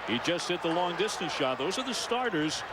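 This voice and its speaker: A male sports announcer delivers live basketball play-by-play in a fairly high-pitched voice. He follows the action and fills in details as a commentator does, with very loud gym noise and a bouncing ball behind him. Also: big pitch swings, a little fast. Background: gym crowd ambience and bouncing basketball.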